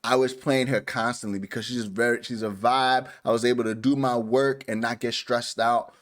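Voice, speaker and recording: A man's voice: medium pitch, steady tone, moderate pace, fairly bright tone. A man co-hosting a podcast in casual chat, rambling with many fillers and restarts. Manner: rambling, filler-heavy, laughs easily. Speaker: podcast co-host.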